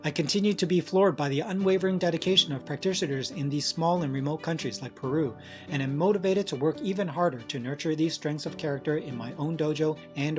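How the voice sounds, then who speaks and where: A man hosting a podcast reads his scripted introduction at an even, measured pace. His voice sits at a middle pitch, and music plays clearly underneath it. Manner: read from a script, evenly paced. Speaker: podcast host.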